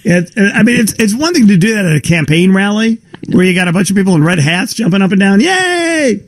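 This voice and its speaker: A man's voice: sits high, fast talker, no room sound. A man co-hosting a talk radio show, bantering sarcastically and mimicking voices. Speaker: radio co-host.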